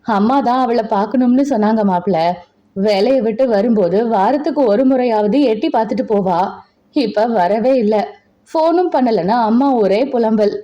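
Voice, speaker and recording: A woman voicing a calm older brother in an audio novel, who explains a family worry. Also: fairly high pitch, normal speed, lightly acted. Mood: concerned. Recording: dull lo-fi recording.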